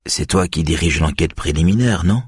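A man reading an audiobook, voicing a calm, measured male detective who speaks in a low-key way with a husky voice. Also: no echo, studio quality, exaggerated voice.

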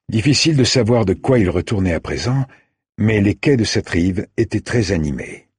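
A man reads an audiobook chapter in a measured, steady narration. His voice is deep and strongly husky, almost breathy. The recording is close and completely dry. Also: no echo.

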